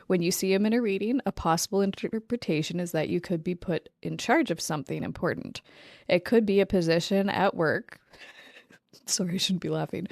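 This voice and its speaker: A woman co-hosts a casual podcast over a remote call, reading tarot meanings and chatting between laughs. Her voice sits low with a gravelly fry. The sound is dry and close, with no room around it. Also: dry recording. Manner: laughs often, reads aloud then chats. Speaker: podcast co-host. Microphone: remote call recording.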